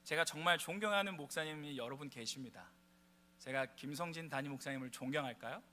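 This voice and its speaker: A man's voice: on the high side, quick pace, pushed and bright. A young man preaching a sermon in a church, asking the congregation questions and answering them himself. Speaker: pastor. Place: church sanctuary.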